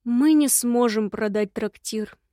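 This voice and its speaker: A gloomy long-eared male imp who grumbles and sighs through every reply, as a woman reads him in an audiobook. The voice sits fairly high, recorded dry and close with no room sound. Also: slow pace, dark tone, dry recording. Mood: worried. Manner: grumbling, sighing. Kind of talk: audiobook reading.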